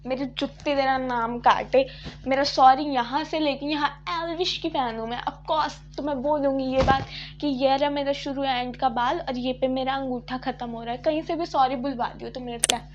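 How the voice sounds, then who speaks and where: A young adult woman telling a casual storytime, blunt and slangy in an animated way. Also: sits high, moderate pace, dull audio. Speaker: vlogger. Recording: clear background noise.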